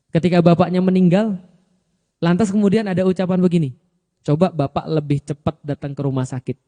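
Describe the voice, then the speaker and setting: Lively high-voiced male preacher in a hall. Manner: conversational, acts out quoted voices with sharp pitch jumps. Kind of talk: sermon.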